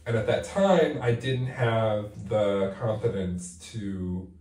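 The guest, a playwright in his forties, sits in a bathtub and answers interview questions candidly, pausing to reflect and saying "like" often. He speaks slowly in a lowish, slightly mellow voice, and the camera mic sits at a distance in the echoey bathroom.

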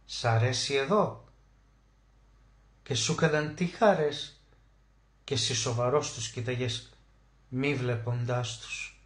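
A man narrating a literary short story as an audiobook, emotive, slowing down to stress key words. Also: mid-range voice. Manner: emotive, with slow drawn-out emphasis on key words. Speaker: audiobook reader. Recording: roomy echo.

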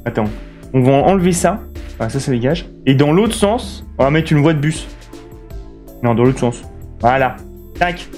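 A young man from France giving lively, swear-filled commentary while building roads in a city game and answering his chat. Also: medium pitch, normal speed, pauses often. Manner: excitable, swears a lot, talks to chat. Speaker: streamer. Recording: faint guitar music behind.

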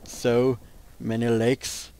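A man's voice: medium pitch, completely flat delivery, extremely slow, darkish tone. A teenage young man from Minnesota, chatting casually over gameplay in a rambling, self-interrupting way. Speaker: gaming channel host.

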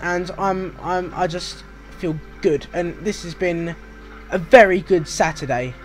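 A British man talks his way through a video game walkthrough in a notably high voice. He rambles, mocks himself and chats casually, with faint game music playing beneath him. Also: a little slow. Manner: rambling, self-mocking, chatty. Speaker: gaming walkthrough host.

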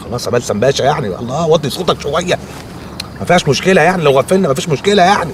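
Actor doing a grumbling sleepy friend, egyptian accent, fast, slightly high. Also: male voice, noisy background, natural voice. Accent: Egyptian Arabic. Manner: grumbling, defensive. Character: grumpy sleepy friend man.

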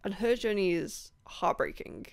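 Slow, gravelly woman rambling about books. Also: mid-range voice. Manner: rambling, many ums and self-interruptions; apologetic, laughs between points. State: voice going a bit rough. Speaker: book vlogger. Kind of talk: casual book review chat.

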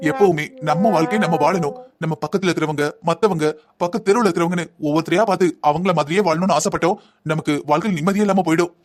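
A man voicing a patient, thrifty husband in a cartoon family drama, who calmly lectures his wife at length. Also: fairly high pitch, very fast, natural voice. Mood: lecturing. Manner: calm lecturing, explaining at length. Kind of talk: Tamil cartoon voice acting.

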